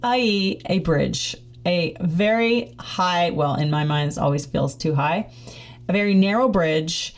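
Woman, middle-aged, slightly low pitch, casual monologue, upbeat, laughs often. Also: darkish tone.

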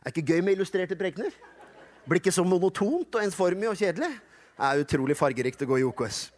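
Man, high voice, pastor preaching, lively and humorous, acts out quotes. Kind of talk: sermon.

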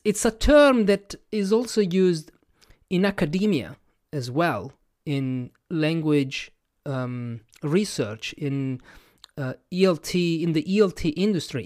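A man with an Italian accent and a high-pitched voice, a podcast host and language educator, thinks aloud in a casual, reflective monologue to camera. He sounds hesitant, with many fillers and restarts as he addresses his audience. The recording is dry and studio quality.

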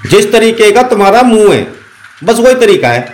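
Abrasive, mocking man with a high voice. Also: sing-song, normal speed, reverberant. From North India. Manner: abusive, loud, mocking. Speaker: rude prank call receiver. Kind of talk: scripted comedy phone skit.

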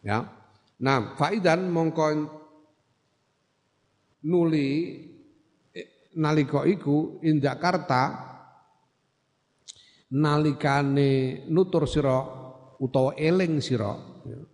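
A man's voice: on the high side, takes it slowly, long pauses, darkish tone. Man teaching in a reverberant hall. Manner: reads Arabic text, glosses it in Javanese, then explains in Indonesian; checks in with listeners with short questions. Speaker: religious teacher. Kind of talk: classical text study lesson.

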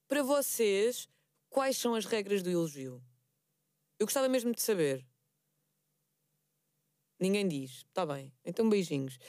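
A woman's voice: mid-range voice, a little mellow, no echo, studio quality. A woman podcast host with a European Portuguese accent, chatting in a rambling, self-deprecating way. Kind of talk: casual chat.

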